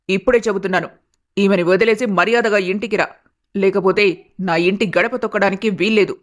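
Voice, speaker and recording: A woman's voice: mid-range voice, lightly acted. A woman voicing a proud, furious middle-aged mother who scolds her son in a domineering way. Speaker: hero's mother.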